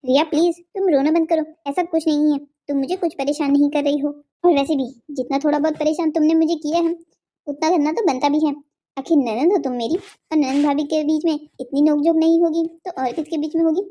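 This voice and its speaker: A woman voicing a brave, caring young wife in a cartoon family story, talking in a gentle, reassuring way. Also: high-pitched, steady tone, brisk, lightly acted.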